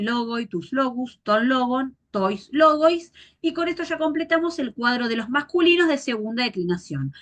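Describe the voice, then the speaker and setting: A woman teacher gives a grammar lecture, patiently repeating forms slowly and spelling out endings. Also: fairly high pitch, a bit bright.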